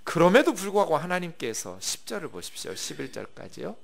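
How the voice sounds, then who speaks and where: Male pastor, Sunday sermon, animated and conversational, fairly high, lively voice. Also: fairly quick, creaky. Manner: animated preaching with rhetorical questions; conversational, plain-spoken.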